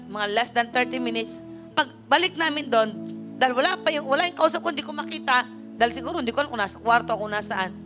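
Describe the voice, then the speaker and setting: A middle-aged woman from the Philippines, a pastor giving a sermon and telling a personal story, slipping English phrases into her talk. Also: high-pitched. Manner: storytelling preacher, switching freely into English phrases. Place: church worship service.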